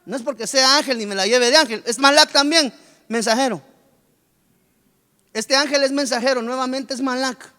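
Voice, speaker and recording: A man preaching a sermon as pastor, with sudden surges of pitch and force, acting out worried church members. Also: normal speed, pauses often, sharp tone. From Guatemala. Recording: long reverb of a church hall.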